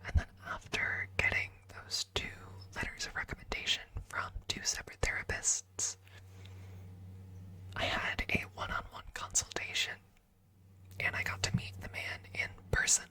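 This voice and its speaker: A woman who livestreams ASMR whispers breathily right into the microphone, telling her viewers casual stories in a soft, deliberate way.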